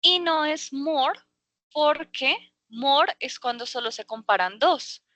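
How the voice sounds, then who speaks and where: Woman english teacher, slow and patient, bright voice, dry close sound. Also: high voice, animated, dry recording. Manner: patient, explains slowly with many fillers. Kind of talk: online class. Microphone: video call.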